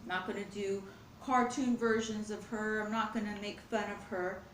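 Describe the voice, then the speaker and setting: A woman's voice: medium pitch, fairly even intonation, moderate pace. A woman chats earnestly to the camera while she eats, rambling through her thoughts and now and then talking with her mouth full. Her voice sits in a middle range. The room echoes around her, with a faint hum behind. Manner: earnest, rambling, spiritual musing. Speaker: mukbang vlogger. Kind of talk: casual chat while eating. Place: home, at a glass table.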